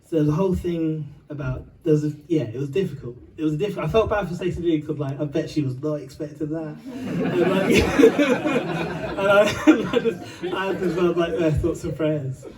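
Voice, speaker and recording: A man's voice: on the high side, normal speed, hardly any pauses, far from the mic, very noisy. A man from Uganda and Britain telling a long, rambling story between songs, full of fillers, swearing and laughter.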